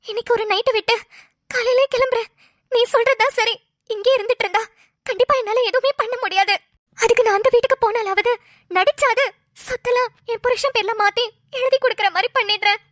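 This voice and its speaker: A woman's voice: extremely high pitch, steady tone, fairly quick, a bit bright, dry recording, clean studio sound. A woman voicing a heartbroken young wife in a cartoon, crying and pleading as she speaks. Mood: tearful. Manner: sobbing, pleading. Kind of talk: cartoon voice acting.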